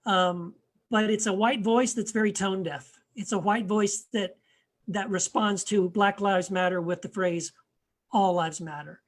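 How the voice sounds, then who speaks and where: A man, an author and blogger, introducing his writing in a casual, hesitant way with frequent pauses and restarts, his voice often trailing off quietly. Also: high voice, steady tone. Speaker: author and blogger, guest reader.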